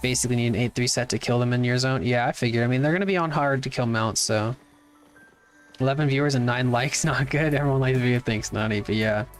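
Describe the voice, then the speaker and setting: A man's voice: mid-range voice, steady tone, quick pace, faint music behind. Laid-back male game streamer. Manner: laid-back, chatty, reads chat aloud and answers. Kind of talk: casual livestream chat while playing.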